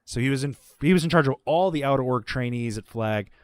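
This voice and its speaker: A man's voice: mid-range voice, fast, clean tone, dry recording. A man speaks as a guest in candid, casual conversation, his voice sitting in an ordinary middle range. He tells his stories bluntly, swearing freely. The sound is dry, with almost no room around it. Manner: blunt, profane, animated storyteller.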